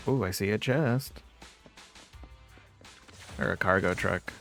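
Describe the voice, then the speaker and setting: A man's voice: low-pitched, slow, gravelly, a bit bright. A man doing a casual let's play, reading game dialogue aloud and muttering offhand comments to himself. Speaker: gamer, video host. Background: faint game music.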